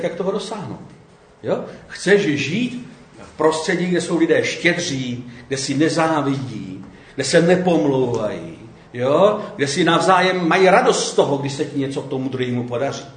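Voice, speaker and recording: A man's voice: fairly high pitch, reverberant. A man preaching a conversational sermon, often checking in with his listeners by asking "jo?".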